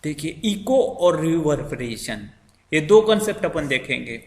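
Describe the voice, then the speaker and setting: A man's voice: a little high, sing-song, unhurried, a little mellow. A male physics teacher talks through a syllabus overview, asking questions and answering them himself and repeating key terms with many fillers. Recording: echoey room with long reverb.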